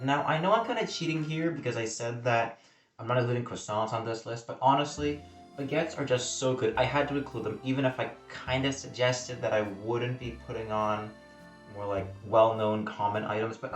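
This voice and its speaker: A man's voice: medium pitch, echoey room, far from the mic. A man talking casually in a food vlog, chatty and self-deprecating, tasting food as he goes. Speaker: food vlogger.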